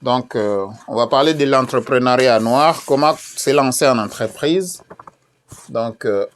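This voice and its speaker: A man from Congo gives a relaxed promotional talk for an upcoming business conference. He pauses often with fillers and repeats each question several times. His pitch sits in an ordinary middle range. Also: a little hiss or hum. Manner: many fillers and repeated phrases; hesitant, repeats key questions. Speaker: event promoter. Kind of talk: casual promotional talk with screen share.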